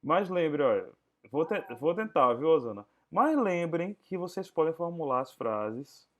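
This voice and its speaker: Man, English teacher, video call class, mixes languages, slow pronunciation drills. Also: fairly high pitch, very animated, fairly bright tone.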